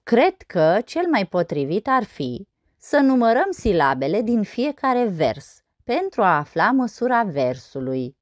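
A woman teaching a school lesson in scripted narration, reading verse out slowly and counting the syllables. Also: mid-range voice, sing-song, dry recording, clean studio sound.

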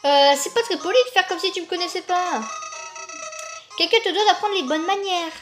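Guy doing a super high squeaky cartoon flower, sweet but sly. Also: moderate pace, music in the background. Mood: sugary. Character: sugary little flower with a sly streak.

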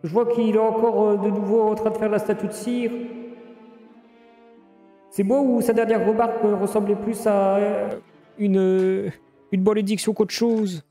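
Young man acted by a man, high-pitched, mellow, polite, hesitant, game dub, faint music. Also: level tone, normal speed. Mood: puzzled, hesitant. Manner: hesitant, questioning reading. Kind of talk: amateur live dub of a video game.

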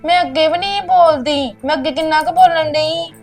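Lady doing a young wife, coaxing and soft, high voice, bit far from the mic, faint music. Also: normal speed. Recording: distant from mic.

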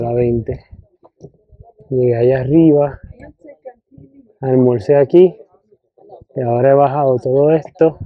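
Walking with a handheld camera, mostly outdoors on mountain hiking trails, a male travel vlogger narrates in a chatty, casual manner. His voice is mid-range and the recording dry, but the outdoor handheld audio is dull and noisy.

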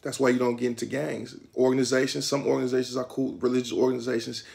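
In casual talk to camera from a small room at home, a middle-aged Detroit-accented vlogger lays out the rules, streetwise and instructive, his hands gesturing often. His mid-pitched, heavily gravelly voice is a little mellow, delivered flatly and fast.

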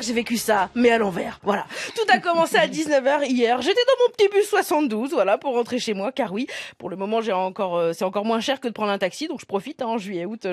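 A woman performing a comic radio column with lively storytelling and bursts of laughter, in a radio studio. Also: fairly high pitch, no room sound.

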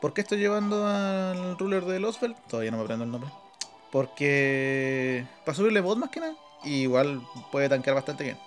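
A gaming video host with a Chilean Spanish accent thinks aloud as he plays, keeping his commentary casual and informal. His voice is fairly high and moves at a normal speed. Game music plays behind him.

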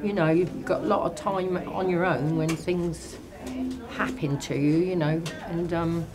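A woman's voice: lowish voice, steady tone, measured pace, crowd noise. An older woman, a bingo regular, chatting in a casual interview. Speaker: bingo customer.

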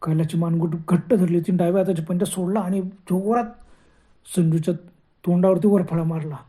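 A man's voice: high voice, steady tone, brisk, dark tone. A man telling a horror story in a dramatic way, full of gasping exclamations.

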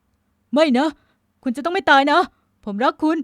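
A woman voicing a lovesick, teasing young navy man in an audiobook romance, loud and pleading in emotional moments. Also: on the low side, normal speed, dry recording, studio quality, natural voice. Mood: desperate.

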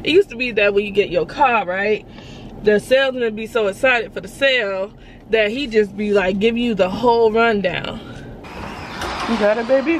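A woman's voice: medium pitch, moderate pace, slight background noise. A woman talking casually in a family vlog, chatty and rambling with slangy asides, filmed in and around her van on a tripod camera. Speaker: mom vlogger.

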